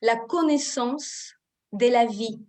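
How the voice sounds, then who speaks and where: A woman with a Russian accent speaks as a guest in an online interview. Her voice sits fairly high, and she explains things calmly and softly, with pauses to find her words. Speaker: guest, Ayurveda therapist.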